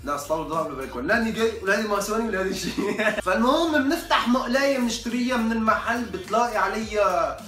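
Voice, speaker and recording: Syrian guy ranting jokey, talks crazy fast, bright edgy voice, echoey off-mic w/ faint music. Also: high-pitched, recorded from a distance. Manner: joking, ranting, mock-exasperated. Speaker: comedy vlogger. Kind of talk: comedic rant.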